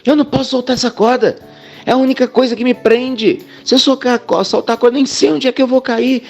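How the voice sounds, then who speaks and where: A man's voice: medium pitch, expressive, fairly quick, muffled recording, faint music behind, natural voice. A man voicing a desperate male mountain climber stranded on a rope, pleading and stubborn. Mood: panicked.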